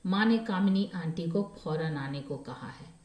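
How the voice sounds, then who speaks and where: A woman's voice: lowish voice, lively intonation, mellow, roomy sound. Woman reading as a flustered young son. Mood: anxious. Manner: hurried, agitated.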